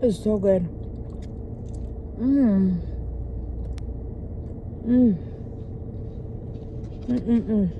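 A woman's voice: medium pitch, extremely slow, long pauses, lo-fi sound, slight background noise. A young woman vlogging casually to her viewers while eating, her mouth full of food, chatty and calling them "girl". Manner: chatty, says "girl" often. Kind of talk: casual vlog chat to viewers.

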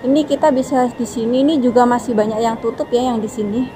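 A woman's voice: a little high, quick pace, noisy background. Chatty Indonesian woman on a walking vlog. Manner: chatty, addresses viewers as friends. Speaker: vlogger. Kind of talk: casual walking tour vlog. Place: outdoors at a seaside mall. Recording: loud background music.

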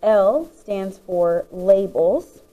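A woman's voice: mid-range voice, animated, extremely slow, narrow, tinny audio. A woman teacher patiently explaining the parts of a graph, step by step, as she writes notes. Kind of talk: classroom lesson explaining graphs.

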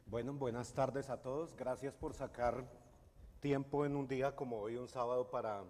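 A man's voice: medium pitch, fairly even intonation, moderate pace, darkish tone, a little hiss or hum. A middle-aged man with a Colombian accent giving a technical conference talk, hesitant, with many fillers and restarts. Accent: Colombian Spanish. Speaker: conference speaker. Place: university lecture hall with audience. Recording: hall reverb in a lecture hall.

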